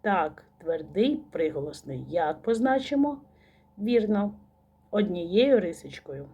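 A woman teaches a recorded lesson for small children in a slow, patient way. Her voice is husky and mellow. She asks questions, then waits and praises the answers. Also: mid-range voice.

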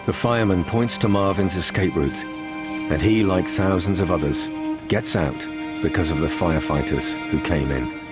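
A very deep male voice narrates a documentary in measured, grave tones. Clear music plays underneath him throughout. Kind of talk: scripted narration.

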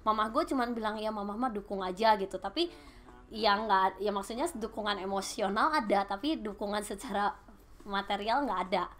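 A woman in her late twenties from Bandung, Indonesia, speaks Indonesian with a Sundanese tinge. As a podcast guest, she tells her story in lively, casual chat, dropping in English phrases at a moderate pace and medium pitch.

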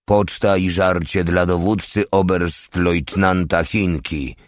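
A man's voice: sits low, fairly even intonation, takes it slowly, no room sound, studio quality. A man reading an audiobook voices a cheeky, lazy male soldier who talks in an offhand, insolent way.

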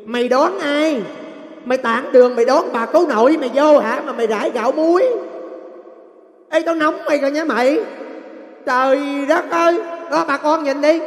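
A man's voice: very high-pitched, moderate pace. A man playing an exasperated master who scolds his servant, in a stage comedy sketch. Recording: echoey hall.

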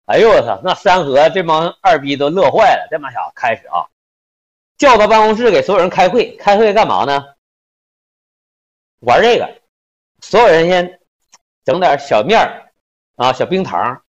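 A man's voice: fairly high pitch, sing-song, normal speed, pauses often, highs cut off. A man telling a story casually, crude and colloquial, slipping into voices for the people he quotes.

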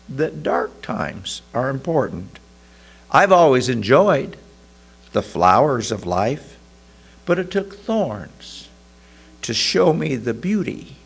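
A man voicing a kind, wise woman who runs a flower shop, speaking softly and patiently. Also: rumbling low, gravelly, husky, exaggerated voice. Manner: soft, patient, consoling.

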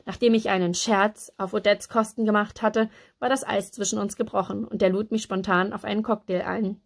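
A woman's voice: medium pitch, fairly quick, gravelly. Woman reading a novel aloud. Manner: steady, even storytelling. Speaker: book reader.

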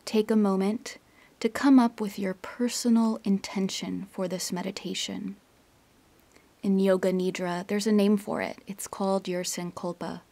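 A woman leads a yoga nidra meditation in a soft, husky voice that is almost a whisper and has a creaky edge. She speaks gently, keeps her pitch very even, and leaves long pauses between instructions.

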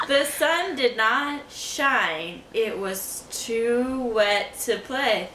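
Young woman reading very slowly, roomy recording. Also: on the high side, expressive, bright, forceful tone. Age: young adult. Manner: halting, giggly. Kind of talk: halting read-aloud of a children's storybook. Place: living room at home. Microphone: camera across the room. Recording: roomy, noisy home video.

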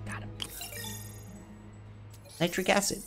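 A man streaming a video game, joking to himself and greeting viewers as he plays. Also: slow. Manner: joking self-talk, chatting to viewers. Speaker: livestreamer. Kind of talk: casual gameplay commentary. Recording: voice over loud game music. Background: game music.

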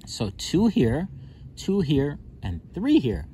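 Male kids' presenter, higher-pitched and very animated, playful question-led delivery, recorded outdoors with light background noise. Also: slow. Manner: animated, question-asking, talking as to small children. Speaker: host of a children's counting game. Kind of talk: playful narration addressed to young children. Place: outdoors on grass in a park. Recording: outdoor ambience with birds, faint noise. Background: birds and outdoor ambience.

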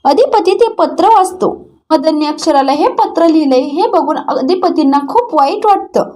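Woman, recap narrator, very high pitch, brisk plain storytelling. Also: expressive, mellow.

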